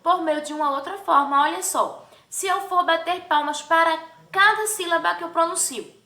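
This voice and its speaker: A woman teaching young children a lesson, drawing words out slowly and asking the class sing-song questions. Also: extremely high pitch, pushed and bright. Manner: slow, drawn-out syllables for children. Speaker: primary school teacher. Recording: echoey room, distant from mic.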